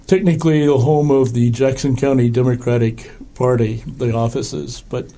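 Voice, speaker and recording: Casting: male curator guest, dark mellow gravelly voice roughened by a cold, dry and casual. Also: medium pitch, fairly even intonation, normal speed, poor audio. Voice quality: gravelly, throaty. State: throat trouble from a cold. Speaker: museum curator, interview guest. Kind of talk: casual podcast interview.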